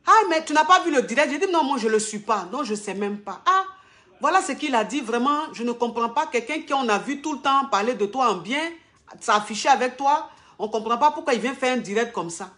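A woman's voice: on the high side, lively intonation, fairly quick, fairly bright tone. A woman influencer giving an indignant live-video monologue, stressing her points by repeating phrases. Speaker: social media influencer.

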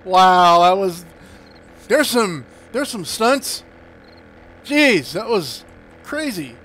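A man chatting casually as he plays, excitable and quick to break into panicked yelps. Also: sits high, a little hiss or hum. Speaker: gaming streamer. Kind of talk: casual gameplay commentary.

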